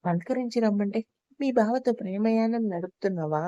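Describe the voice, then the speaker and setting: A woman's voice: mid-range voice, moderate pace, warm tone, no echo, lightly acted. A woman reading a vengeful, taunting husband. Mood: menacing. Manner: taunting, threatening. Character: young man, vengeful and menacing husband. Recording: dull lo-fi recording.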